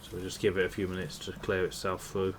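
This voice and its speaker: Low-voiced man hosting a casual game stream. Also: monotone, fast. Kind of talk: casual gameplay commentary. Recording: clear background noise.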